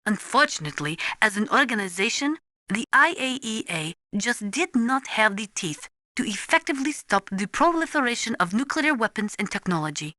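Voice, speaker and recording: In scripted expository video game dialogue, a serious female weapons analyst lectures in earnest, formal and precise, with a grave, explanatory mood. Her bright, crisp-edged voice moves lively in pitch at a normal speed, recorded very dry with no echo.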